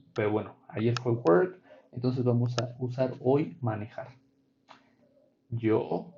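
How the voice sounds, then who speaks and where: With a lowish, warm voice, a man teaches English grammar online, taking his time with explanations and pausing to see how his students are doing. The class recording sounds dull and lo-fi.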